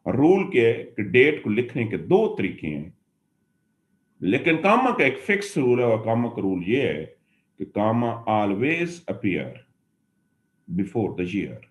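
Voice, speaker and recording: Slow and sing-song, a mid-range man's voice leads an English grammar lecture. He addresses students patiently, repeating points, and shifts between Hindi and English mid-sentence.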